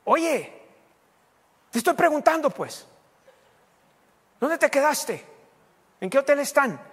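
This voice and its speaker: A shrill, blunt older Spanish matriarch, as a preacher puts her on, her voice jumping far above his own and getting louder. She demands answers with no patience. Long reverb of a church hall trails behind. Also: lively intonation, brisk, vocal fry, husky, exaggerated voice. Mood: insistent. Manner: shrill, insistent questioning.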